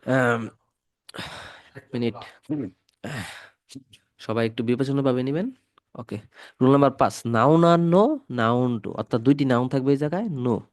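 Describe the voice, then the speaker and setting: A man's voice: mid-range voice, moderate pace, long pauses, no echo, clean studio sound. A man from Bangladesh with a cold, teaching a grammar lesson and patiently repeating each example step by step. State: has a cold. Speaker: Japanese language teacher. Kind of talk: grammar lesson explaining slides.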